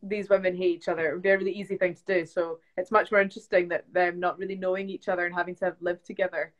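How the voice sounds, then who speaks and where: A woman's voice: fairly low pitch, flat delivery, racing, lo-fi sound. A young woman from the UK, chatting casually as a guest on a phone live stream, with lots of fillers like "like" and "um". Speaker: actress guest. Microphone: phone on a video live stream.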